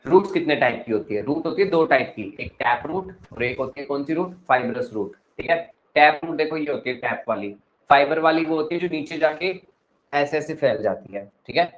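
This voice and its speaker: A young man with a north Indian Hindi accent teaching an online class, teasing and scolding his students between explanations, swinging between loud and soft. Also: on the high side, animated, a little fast, highs cut off. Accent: Hindi-speaking north Indian.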